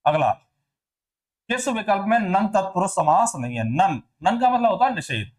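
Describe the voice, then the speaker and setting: A man's voice: high voice, very animated, normal speed. A male teacher going through test answers, asking questions and answering them himself, and repeating sounds to show how they are said. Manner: repeats sounds and words to demonstrate pronunciation. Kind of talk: exam answer walkthrough lesson.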